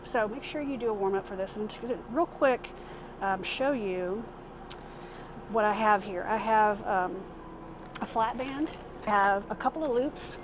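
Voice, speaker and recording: Higher-voiced woman coaching a workout, noisy background. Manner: informal, instructing while exercising. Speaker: fitness instructor. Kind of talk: casual workout demonstration. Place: inside a small RV. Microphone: camera a few steps away. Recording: clearly noisy vehicle interior sound.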